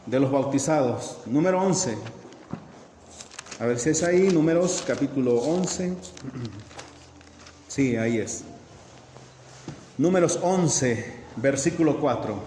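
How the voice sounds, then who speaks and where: A man's voice: medium pitch, a little mellow. A man preaching a sermon to his congregation, often asking them questions and acting out dialogues. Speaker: pastor. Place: church hall. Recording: echoey church hall, faint hiss.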